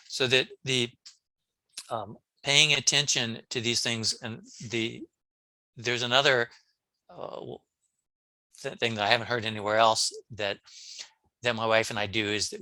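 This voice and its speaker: A man, a brain coach on a podcast, talking casually in an interview, telling animated stories with frequent restarts. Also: mid-range voice, no room sound. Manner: animated storyteller, many restarts.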